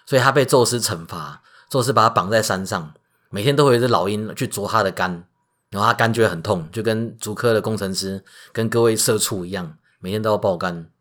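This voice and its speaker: Lively Taiwanese-accented man telling myths. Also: lowish voice, fairly quick. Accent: Taiwanese Mandarin. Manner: lively, jokey retelling of myths. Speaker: podcast host. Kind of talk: casual storytelling podcast.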